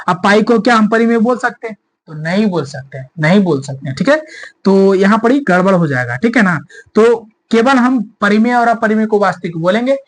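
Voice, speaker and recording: A male maths teacher explaining a lesson step by step, asking the class rhetorical questions and repeating key points. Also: sits high. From India.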